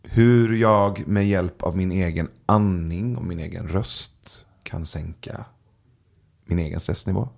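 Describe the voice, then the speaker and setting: A man chatting as a podcast guest, telling stories in a relaxed way with many filler sounds. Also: sits low, gravelly. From Sweden. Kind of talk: casual storytelling chat.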